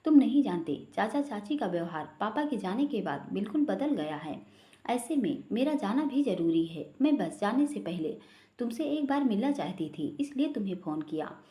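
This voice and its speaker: A woman's voice: medium pitch, very animated, moderate pace, lightly acted. A woman reading a sad young girlfriend. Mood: sad, reassuring. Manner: soft, sad, reassuring. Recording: roomy echo.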